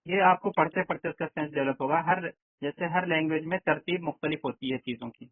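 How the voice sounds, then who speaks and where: A man's voice: a little high, no room sound. A man teaching an online language lesson, explaining step by step and often checking that students understand. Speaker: Arabic teacher. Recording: tinny online call audio, dry.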